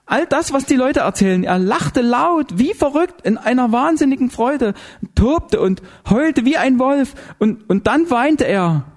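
A man's voice: a little high, normal speed, a little mellow, pitched above the performer's own voice. A man reading an audiobook voices a frightened wife who tells of a terrifying night, tense and pleading. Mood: fearful. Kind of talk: audiobook character voice.

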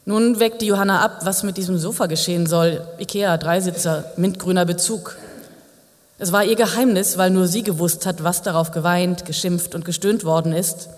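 A man's voice: high voice, fairly even intonation, moderate pace. Man narrating a novel with wry asides. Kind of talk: audiobook narration. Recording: long hall reverb.

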